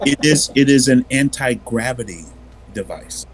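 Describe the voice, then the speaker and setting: A man's voice: mid-range voice, animated, a little slow, noisy background. A man playing a tabletop game, describing his character at length with some hesitant fillers. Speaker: player.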